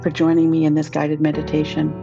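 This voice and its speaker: A woman leading a guided meditation, speaking slowly and softly with long, calm pauses. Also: low-pitched, gravelly, muffled recording, over music. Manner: slow, soft and soothing, with long pauses.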